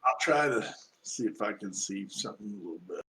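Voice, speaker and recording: A man's voice: fairly low pitch, expressive, a little fast, sharp tone, a little hiss or hum, rough recording. A man playing a tabletop game, describing his character's actions casually. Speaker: player.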